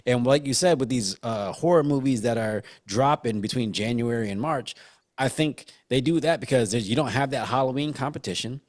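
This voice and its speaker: A man's voice: mid-range voice, moderate pace, darkish tone. A man hosting a casual movie podcast, chatting informally with a teasing, salty-tongued manner. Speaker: podcast host.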